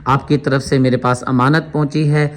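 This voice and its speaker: A man's voice: medium pitch, flat delivery. A man vlogging a charity handout, speaking casually and earnestly with frequent blessings and fervent appeals. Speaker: charity vlogger handing out food aid. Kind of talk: casual vlog narration with prayers and appeals.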